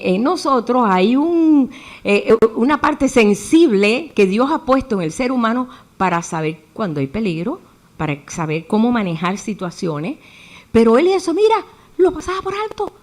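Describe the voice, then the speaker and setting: Woman preacher, animated sermon delivery, voice on the higher side. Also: normal speed. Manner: lively, acts out quoted voices, chuckles while preaching.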